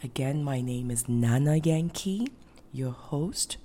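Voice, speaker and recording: A woman's voice: very deep voice, lively intonation, slow pace, dark tone. A woman from Ghana hosting a faith podcast, talking earnestly and with many ums and restarts. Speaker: podcast host. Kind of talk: casual faith podcast monologue.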